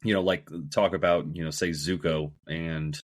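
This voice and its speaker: A man's voice: low-pitched, steady tone, moderate pace, no room sound, clean studio sound. A man from the American Midwest co-hosting a casual podcast, laid-back and full of "you know". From Midwest United States. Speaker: podcast co-host. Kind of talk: casual chat.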